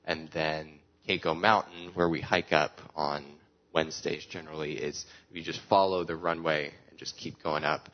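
A man with a very deep voice gives an informal presentation. He talks conversationally and haltingly, feeling his way through the points. The recording is slightly dull and muffled. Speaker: presenter for a summer camp.

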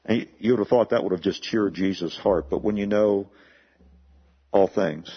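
A male pastor delivers an earnest sermon to his church, stopping often to put questions to the congregation and restarting words as he thinks aloud. His voice is low and husky. The recording is dull and lo-fi. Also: normal speed. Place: church service.

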